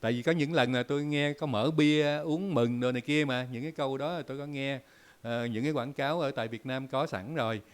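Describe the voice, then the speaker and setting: Smooth-voiced Vietnamese man musing aloud. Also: mid-range voice. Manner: many filler "à" and "ờ", repeats words while thinking; explains by drawn-out spoken examples. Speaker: host. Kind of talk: casual commentary monologue.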